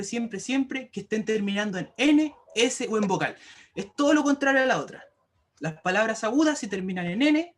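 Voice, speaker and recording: A male teacher explaining grammar rules to an online class, patient and repetitive, often checking if students follow. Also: high voice. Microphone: computer mic for an online class.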